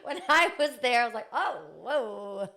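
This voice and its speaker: A bubbly woman hosts a podcast in easy, casual interview chat. She is playful and laughs often, teasing her guest warmly. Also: fairly high pitch, lively intonation, unhurried, slight background noise. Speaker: podcast host.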